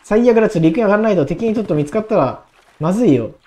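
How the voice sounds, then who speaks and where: A young woman commenting on her own gameplay in a casual, chatty way. She talks to herself, and her words tumble out in quick repeated bursts whenever the game heats up. Her voice sits at an ordinary middle pitch for a woman. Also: expressive, mellow. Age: 20s. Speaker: gaming YouTuber.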